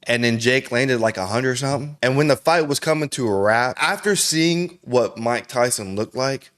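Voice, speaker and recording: A man's voice: mid-range voice, normal speed, a bit bright. A man hosting a reaction video, talking casually in slangy, profane, rambling speech and saying "bro" constantly. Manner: rambling, with frequent restarts.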